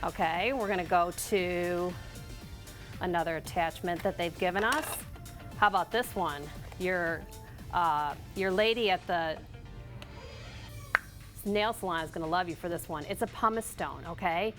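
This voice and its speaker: A woman's voice: on the low side, a little slow, long pauses. Woman hosting a TV lifestyle segment, music behind. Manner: conversational sales patter with frequent check-in tags. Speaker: TV lifestyle show host. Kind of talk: presenting products to viewers.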